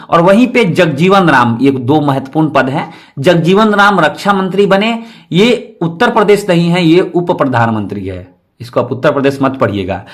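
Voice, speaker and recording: A man teaches history for exam preparation, his voice sitting a little high. He explains each point, then says it again in simpler words, and asks rhetorical questions along the way. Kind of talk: exam-prep history lecture.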